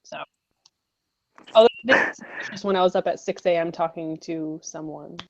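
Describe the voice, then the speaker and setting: A woman's voice: on the low side, moderate pace. Chatty teenage girl on a muffled call. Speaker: stream guest. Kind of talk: casual chat. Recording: dry, muffled call audio.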